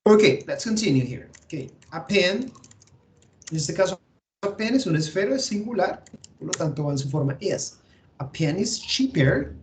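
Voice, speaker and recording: A man's voice: sits high, sing-song, unhurried, a little mellow. A man with a Colombian Spanish accent, teaching an English grammar class online and explaining each step patiently while thinking aloud.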